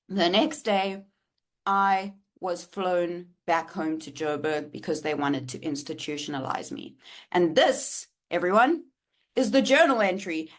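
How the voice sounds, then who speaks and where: A woman, telling a candid storytime vlog and swearing freely. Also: medium pitch. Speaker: vlogger.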